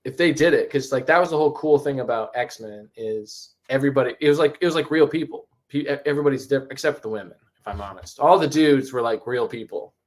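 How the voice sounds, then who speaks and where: A man in casual podcast chat, talking at a middle pitch. He tells his stories in a rambling, animated way, restarting his sentences often. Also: fast, hardly any pauses. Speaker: podcast co-host.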